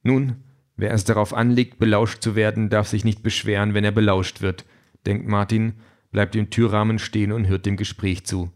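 A male narrator reads a story in a steady, dry tone. His voice sits a little low, and he keeps an even, unhurried delivery. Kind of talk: audiobook narration.

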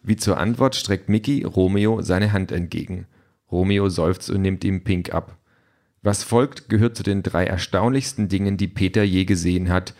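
A man narrating an audiobook in a measured, wry storytelling manner. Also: sits low, a little mellow.

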